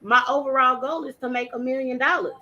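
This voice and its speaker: A woman in her thirties hosts a relaxed panel talk, lively and full of laughter. Her voice sits a little high and rings bright and forward, with casual slang running through her chat. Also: fairly quick, muffled recording. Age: 30s. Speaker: host.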